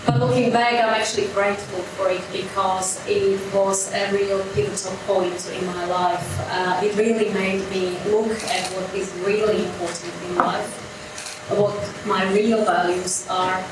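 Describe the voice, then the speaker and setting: A middle-aged woman from Slovakia, a doctor, giving a business pitch at an evening event, hesitant with many fillers. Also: flat delivery, a little slow. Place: event room. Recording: echoey room, mic far off, noisy.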